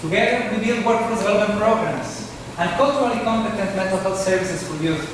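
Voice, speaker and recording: High-voiced man in a distant echoey hall. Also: brisk. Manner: steady, scripted delivery. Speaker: city official, candidate. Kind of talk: prepared campaign speech. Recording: echoey hall from far off, noisy.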